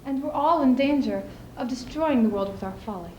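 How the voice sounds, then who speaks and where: Performing a dramatic stage monologue at an indoor school showcase, a young woman from the student speech team plays a spirited, scheming widow in a high voice with lively intonation and a darkish tone. Her emphatic delivery, marked by deliberate theatrical pauses, feels earnest and reflective. The audio is dull, and the echoey room has clearly audible noise behind her.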